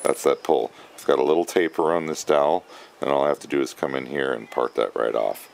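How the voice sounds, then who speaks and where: A man teaching woodturning step by step, talking it through haltingly as he works at a lathe in a windy workshop. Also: a bass voice, steady tone, creaky, a little mellow. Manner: halting, thinking aloud while working. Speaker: woodturning instructor. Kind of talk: casual step-by-step demonstration. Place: workshop with lathe, wind outdoors.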